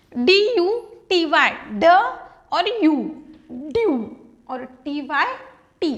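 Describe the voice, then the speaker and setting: A woman with an Indian accent leads a phonics lesson and spells out each word letter by letter. Her voice sits high, and her pitch rises and falls a great deal. She speaks very slowly and carefully. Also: fairly bright tone. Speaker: English teacher.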